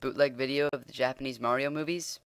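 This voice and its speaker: A man's voice: mid-range voice, fairly even intonation, fast, a bit bright, clean tone, lightly acted. A man voicing a nerdy young male gamer who barks orders from his hideout. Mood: bossy.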